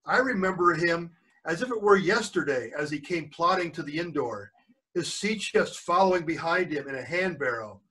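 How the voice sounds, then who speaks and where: Poor audio captures a grandfather's read-aloud storytelling on a video call with screen sharing. His fairly high, pushed and bright voice has lively intonation at a moderate pace, and he keeps breaking off in casual asides to define words and check that the children follow.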